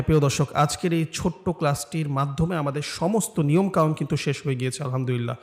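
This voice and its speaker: A man's voice: fairly high pitch, darkish tone. A man from Bangladesh teaching Quran recitation, patiently correcting students and having them repeat. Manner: patient, corrective, prompting repetition. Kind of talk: classroom lesson with live student drills.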